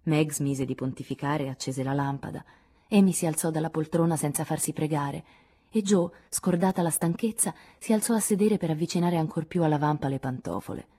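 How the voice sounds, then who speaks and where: A woman reading a novel aloud in scripted audiobook narration, at a measured, even pace. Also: deep voice, husky. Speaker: audiobook reader.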